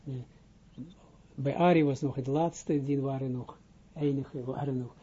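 A rabbi giving an informal spoken lesson, a man who talks haltingly, restarts his phrases and keeps asking whether he is understood. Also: medium pitch, fairly even intonation, mellow, husky, lo-fi sound. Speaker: rabbi teaching Kabbalah.

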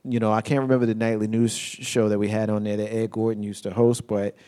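A middle-aged man hosting an internet radio talk show, chatting casually in relaxed, colloquial speech. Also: on the low side, quick pace, clean tone. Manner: relaxed, colloquial, laughs often. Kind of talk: casual chat.

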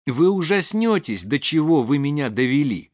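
A man's voice: a little high, big pitch swings, normal speed, no room sound. Brief: male reader doing a desperate young noblewoman, tearful pleas, dry close sound. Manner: tearful pleading.

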